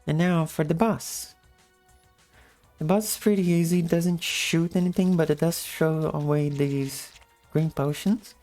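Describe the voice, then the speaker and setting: Low, mellow just-woke-up woman's voice. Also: fairly even intonation, measured pace, faint music behind. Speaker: video game guide narrator. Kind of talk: casual gameplay commentary and tutorial.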